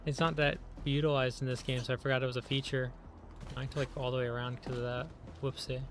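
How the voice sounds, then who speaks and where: A man's voice: medium pitch, flat delivery, fast talker, a little hiss or hum. A man chatting casually while playing a video game on a live stream. He rambles with lots of filler words and is running on very little sleep. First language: English. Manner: rambling, chatty, heavy use of "like".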